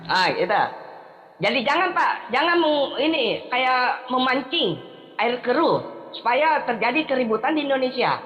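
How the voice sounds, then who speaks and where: A man aged thirty-nine calling in, pleading haltingly with the preacher and stumbling over his words. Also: very high-pitched, big pitch swings, big-room sound, lo-fi sound. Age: 30s. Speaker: caller. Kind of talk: tense call-in argument.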